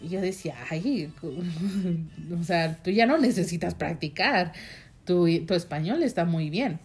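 On the low side and a little mellow, a young woman's voice unfolds her personal story at an unhurried pace. She's a vlogger with a Mexican accent whose chatty telling wanders, brims with fillers, and often addresses her viewers.

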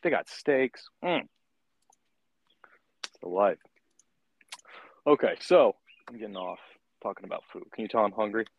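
A man's voice: fairly low pitch, expressive, moderate pace, creaky, pauses often, highs cut off, slight background noise. A man hosting a casual interview, talking in long, rambling turns and checking in with the guest as he goes. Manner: rambling, keeps checking in with "right?". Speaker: podcast host.

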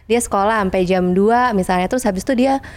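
A woman's voice: medium pitch, quick pace. A woman psychologist talking in a casual podcast chat, thoughtful and hedging, with many fillers and tag questions. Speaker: clinical and family psychologist guest.

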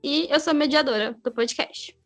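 Woman, twenties, podcast host, fairly high voice, asks questions. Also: normal speed, fairly bright tone, faint music behind. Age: 20s. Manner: leads, asks guests questions. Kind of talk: casual podcast chat.

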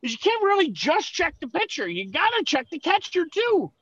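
A man's voice: extremely high pitch, wildly swooping pitch, moderate pace, fairly bright tone, no room sound, muffled recording. A man co-hosting a sports podcast, arguing his points in casual chat and often restarting his sentences. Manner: argumentative, explains with many restarts. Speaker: podcast co-host.

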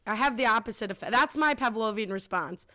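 A podcast co-host chats casually about a TV show, wry and teasing, tossing in quick asides. Her voice is fairly high-pitched, animated and sharp in tone.

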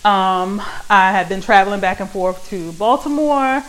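Young woman, chatty solo podcast host, medium pitch, talking casually from her kitchen. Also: animated, a little slow, a bit bright. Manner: chatty, addresses listeners as y'all. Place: home kitchen while cooking.

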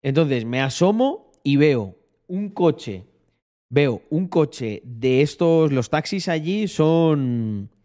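A man telling a casual, animated anecdote in slangy speech. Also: fairly high pitch, slow pace. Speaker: vlogger. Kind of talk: casual storytelling.

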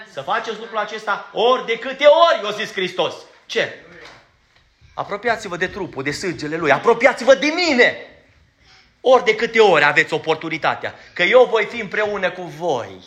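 Bright-voiced emphatic male preacher. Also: high-pitched, very animated. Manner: emphatic, questions the congregation directly; stumbles when rushing. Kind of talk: sermon. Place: church.

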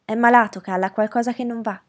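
Woman reading as a young boy, anxious, insistent, pitched up, breathy voice, storybook reading. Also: fairly even intonation, quick pace, lightly acted. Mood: urgent. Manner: higher, louder, pleading. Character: urgent boy, older brother, anxious and insistent.

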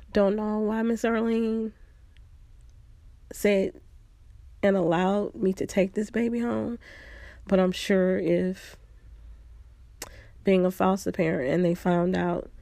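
Gravelly-voiced woman recounting a memory. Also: on the low side, dark tone, no echo. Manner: reflective, unhurried, pausing often. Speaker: storyteller. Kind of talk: personal storytelling.

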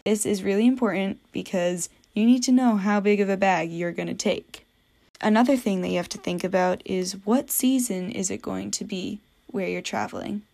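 A woman's voice: medium pitch, normal speed, gravelly, a little mellow. A young woman from New England talks through her solo podcast in a chatty, casual way. She keeps slipping in jokey little asides as she goes. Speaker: podcast host.

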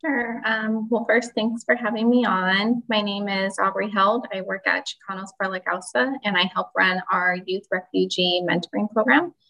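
A woman's voice: mid-range voice, fairly even intonation, moderate pace, hardly any pauses, pushed and bright, poor audio. A woman who runs a youth refugee mentoring program, talking as a podcast guest and explaining things steadily with some ums. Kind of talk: podcast guest, casual talk.

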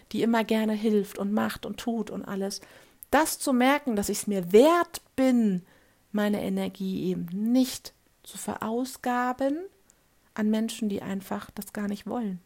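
A woman speaking as a life coach in an earnest, direct motivational monologue to the listener, often checking in with a quick question for agreement. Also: medium pitch, a little mellow.

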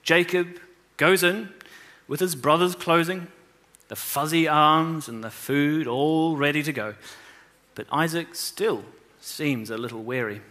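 A man's voice: a little high, unhurried, pushed and bright. A man teaching children, retelling a scripture story with emphasis and rhetorical questions. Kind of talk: scripture reading and moral lesson.

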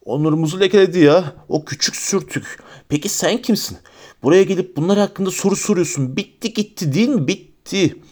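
A man reading an audiobook, voicing a drunken, filthy, hostile wizard with a low, slurred snarl. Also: lively intonation, brisk, darkish tone, close to an everyday voice. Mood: angry. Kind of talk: audiobook character voice.

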